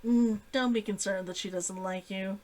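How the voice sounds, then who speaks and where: A woman's voice: medium pitch, fairly even intonation, moderate pace, darkish tone, natural voice. A woman voicing a confident, blunt and coy female hunter in a story reading. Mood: dismissive, assured. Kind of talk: acted dialogue in a story reading.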